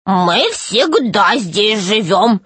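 A woman voicing a very old, timid male gnome who speaks slowly and fretfully, with a husky voice. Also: medium pitch, big pitch swings, fairly bright tone, no echo, exaggerated voice. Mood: slow, rueful. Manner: slow, drawn-out speech.

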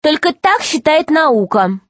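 A woman's voice: high-pitched, sing-song, a little slow, no room sound, pitched above the performer's own voice. A woman voicing a polite, curious young girl who asks questions earnestly. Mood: patient.

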